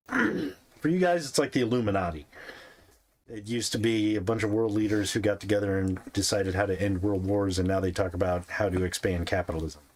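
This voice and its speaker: A man's voice: fairly low pitch, fairly quick. A man narrating as game master in a tabletop game, in a laid-back way with chuckles.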